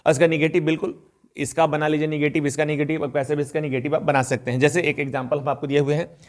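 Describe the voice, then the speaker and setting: Man, teacher, higher-pitched voice, conversational explaining, slow careful example sentences. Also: little pitch movement. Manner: conversational, addresses viewers as friends; reads English examples slowly and deliberately. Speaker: English teacher. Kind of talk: explanatory online lesson.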